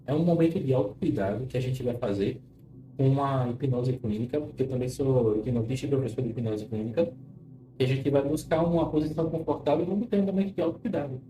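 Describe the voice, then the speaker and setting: A man's voice: mid-range voice, fast talker, mellow. A Brazilian man speaking as a therapist and hypnosis teacher, reassuring and instructive as he leads an informal guided self-care session. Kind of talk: informal live talk moving into guided relaxation. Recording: roomy echo with faint music.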